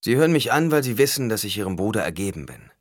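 A man voicing a calm male advisor in an audiobook, measured and lecturing. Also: on the low side, no room sound, clean studio sound, pitched above the performer's own voice. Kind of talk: audiobook character voice.

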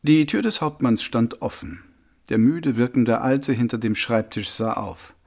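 A man's voice: medium pitch, measured pace. A man reading a novel aloud as narrator, telling it expressively. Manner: expressive storytelling. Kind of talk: audiobook reading.

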